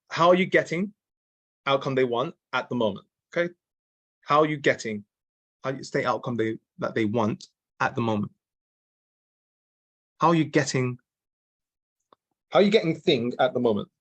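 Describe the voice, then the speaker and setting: Man giving casual sales training. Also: medium pitch. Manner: repetitive, restarts often, keeps asking "okay?" and "right?"; drops in mild swearing.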